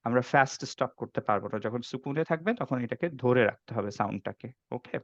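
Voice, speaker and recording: A little fast in his mid-range voice, a man leads an online tajweed class in Bengali and English, patiently showing how letters are sounded in Quran recitation. He checks on students often with "okay?", and the muffled recording has no room sound.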